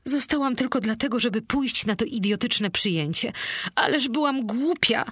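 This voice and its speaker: A woman's voice: sits low, lively intonation, slow, bright, forceful tone, slightly rough, no room sound, clean studio sound, exaggerated voice. A woman voicing a frightened, elegant young mother who pleads and cries out in tearful, rising cries in an audiobook.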